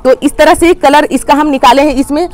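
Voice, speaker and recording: Woman, high voice, plain instructional host explaining garden care to viewers. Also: fairly even intonation, brisk, darkish tone. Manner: plain step-by-step explaining, addresses viewers as friends. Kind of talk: instructional how-to talk.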